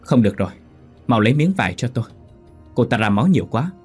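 A man voicing a greedy older village healer who speaks gruffly. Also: medium pitch, sing-song, fast talker, a little mellow, soft background music.

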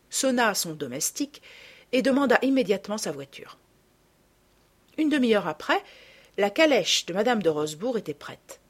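A woman narrating a children's story in an expressive, measured reading voice. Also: mid-range voice, husky. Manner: expressive, drops softer for asides. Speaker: storybook reader.

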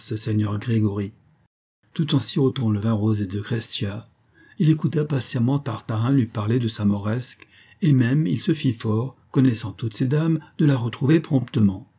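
A man reads a classic novel aloud in a measured, expressive way. His voice is husky and mellow, with a warm, dark tone, and the reading is steady and scripted. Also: medium pitch. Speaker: audiobook narrator. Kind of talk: scripted narration.

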